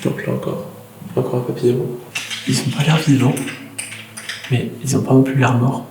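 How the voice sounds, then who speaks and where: A man giving hushed, halting commentary while exploring a large abandoned building, filmed with a camera-mounted mic. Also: medium pitch, fairly even intonation, vocal fry, background noise. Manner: hushed, halting, with many fillers. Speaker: urban explorer. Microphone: camera-mounted shotgun mic. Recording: echoey hall with faint ambience.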